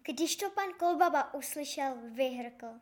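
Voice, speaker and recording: A woman reading a fairy tale aloud with an expressive, storytelling delivery. Her voice sits high for a woman. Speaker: narrator. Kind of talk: fairy-tale audiobook narration.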